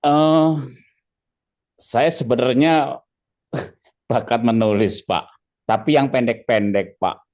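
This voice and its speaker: A man's voice: mid-range voice, a little mellow. A man in the audience asks the speaker a long question at an online seminar. He rambles, breaks off mid-word and keeps addressing the speaker respectfully. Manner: rambling, halting, ends phrases with "Pak". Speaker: audience member asking a question.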